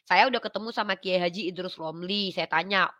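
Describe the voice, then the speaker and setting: A young adult woman casually talking on a livestream, animated and quoting others as she goes. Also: fairly low pitch, a little fast. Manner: animated, quotes others in acted voices. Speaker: live streamer commenting on religious controversy.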